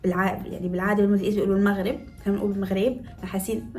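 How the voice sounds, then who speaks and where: A woman's voice: medium pitch, flat delivery, very fast, darkish tone, soft background music. A woman in her twenties from northern Morocco, chatting playfully to viewers in a vlog and teaching phrases with laughs. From Morocco (Tetouan, north). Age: 20s. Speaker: beauty vlogger.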